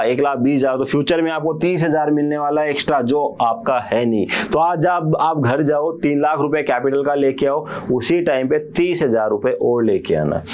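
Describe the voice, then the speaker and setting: A young man teaching commerce in a casual lecture, acting out a quarrel between business partners and their accountant, and often asking his students quick check-in questions. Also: on the high side. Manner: acts out partners' quarrels with a CA in quoted voices. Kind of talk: casual Hindi lecture with playful storytelling.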